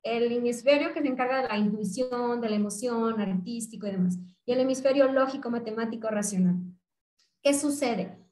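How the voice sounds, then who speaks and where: A woman's voice: fairly high pitch, a little fast. Woman psychologist, roomy echo. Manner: calm, didactic, acts out examples. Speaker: psychologist guest. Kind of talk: explanatory interview talk.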